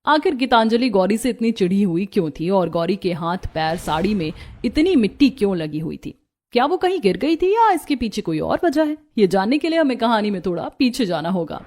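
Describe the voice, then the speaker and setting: A woman narrating an animated moral story in an expressive, scripted way. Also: medium pitch, brisk. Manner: expressive, plays several characters. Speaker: narrator and voice actor.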